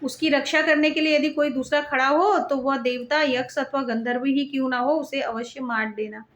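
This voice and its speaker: A woman's voice: high-pitched, fairly even intonation, normal speed, fairly bright tone. A woman voicing a haughty male demon king as she reads scripture aloud in an echoey room. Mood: commanding.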